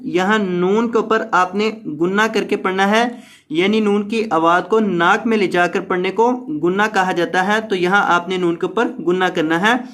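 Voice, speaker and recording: A man teaching Quran recitation word by word, explaining each rule patiently and then drawing the words out slowly. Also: sits high, fairly even intonation, fairly bright tone. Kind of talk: slow word-by-word tajweed lesson.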